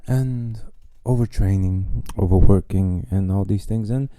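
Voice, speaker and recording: A man's voice: lowish voice, measured pace, warm tone, dry recording. A man hosting a podcast, telling a personal story in a casual, self-mocking monologue with wry jokes. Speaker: podcast host.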